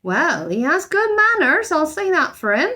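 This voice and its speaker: Woman voicing a high, fierce, grumbling older housekeeper. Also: sing-song, unhurried, bright, forceful tone, exaggerated voice. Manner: blunt, exclaiming, fussy. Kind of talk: children's storybook character voice.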